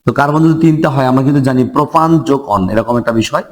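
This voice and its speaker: A male chemistry teacher gives a patient lesson in a voice of ordinary middle pitch. He keeps asking his students questions and then answers them himself. He repeats each important term so that it sinks in. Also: very fast. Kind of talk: classroom lecture.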